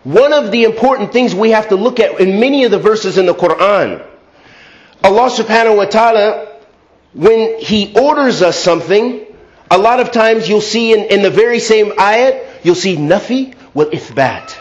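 Man, American accent, sermon in a mosque hall, slow measured preaching, higher voice, muffled lo-fi recording. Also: animated. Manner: slow, measured English preaching with swift chanted Arabic openings. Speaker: imam giving a Friday sermon.

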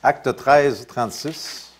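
A male pastor with a Quebec French accent preaching a sermon, reading scripture aloud and commenting in quieter, casual asides. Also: medium pitch, slow pace. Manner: lively preaching, rising loud on scripture then dropping to quiet asides.

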